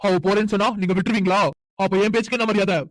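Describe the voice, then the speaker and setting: A rapid-fire, hot-headed cartoon young man, as a performer voices him, possessive and demanding, speaking in a mid-pitched voice. The recording is dry and close. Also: level tone, no echo, close to an everyday voice, low-quality recording. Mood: angry. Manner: shouting, demanding. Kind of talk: cartoon voice acting.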